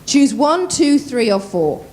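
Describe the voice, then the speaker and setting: A woman voice coach giving a lively workshop at a conference, talking quickly and quizzing the audience. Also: a little high, slight background noise. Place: conference room.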